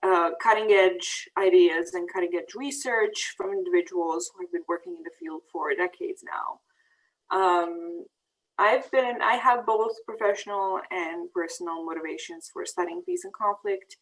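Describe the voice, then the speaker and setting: A woman's voice: fairly low pitch, measured pace, poor audio. A woman in her thirties from Bosnia and Herzegovina, giving a presentation over slides with many ums and restarts. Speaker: peace fellow giving a presentation. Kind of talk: prepared talk over slides.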